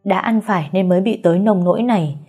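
A woman's voice: medium pitch, fast talker, mellow, slightly rough, soft background music, close to an everyday voice. A woman voicing a stern elderly mistress of a household in an audio story, speaking in a cold, grave, threatening manner.

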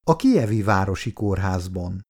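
Reading an audiobook in a low voice, a man plays a young female hospital nurse who is calm and reassuring and asks gentle questions.

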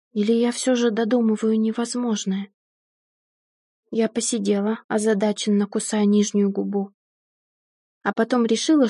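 A woman reading a novel aloud in the first person, telling it in a measured, wry way. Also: mid-range voice, mellow, husky, no echo, studio quality. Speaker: audiobook narrator.

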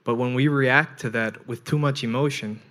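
A young man preaching a sermon in short, earnest phrases, pausing for his interpreter. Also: mid-range voice, fairly even intonation, a bit bright.

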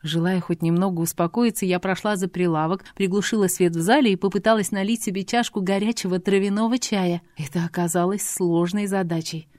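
A woman narrates a first-person novel in a measured, expressive way. Her voice sits on the low side and sounds close and dry, with no room around it. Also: dry recording. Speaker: audiobook narrator.

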